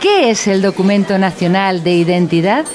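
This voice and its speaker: As narrator of an audio drama, a woman portrays a preachy instructor in a mock-educational radio piece, delivering formal, self-important lessons in a solemn tone. Her medium-pitched voice is animated yet close to everyday, at a moderate pace, over background music.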